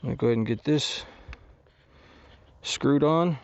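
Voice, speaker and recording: A man casually narrating his camping trip outdoors at a lakeside campsite, talking in a relaxed, rambling way with lots of fillers and restarts. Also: mid-range voice, normal speed, creaky, slight background noise. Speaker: outdoor vlogger.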